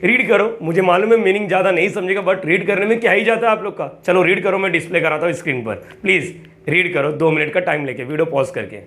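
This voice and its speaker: A man's voice: high-pitched, quick pace, a bit bright. A man teaches a math lesson in an easy, chatty way. He repeats key words, counts items aloud one by one and keeps asking his students questions. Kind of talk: casual classroom-style lesson.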